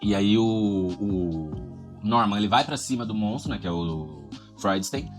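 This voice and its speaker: A man recapping a horror film in a casual, animated way, swearing and using slang as he goes. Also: on the low side, measured pace, music in the background. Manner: animated, profane storytelling with slang.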